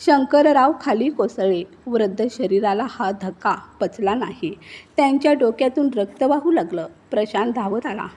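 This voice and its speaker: A woman narrating a scripted story with a steady, expressive reading. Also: on the high side, husky.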